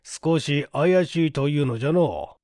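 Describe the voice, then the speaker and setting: A crafty, shabby old man of ninety-seven, voiced by a man, speaks in a slow, folksy drawl. His voice sits a little high and is recorded dry and close, with no room sound, as in an audiobook drama. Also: expressive, darkish tone, dry recording. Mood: boastful. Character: shrewd, shabby 97-year-old man with bright eyes.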